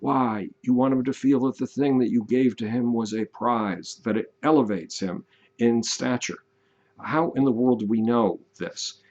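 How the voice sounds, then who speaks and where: An older man giving an emphatic, deliberate monologue, stretching out the words he wants to stress. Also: medium pitch, a little mellow. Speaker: commentator. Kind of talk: casual monologue to camera. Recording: dull lo-fi sound.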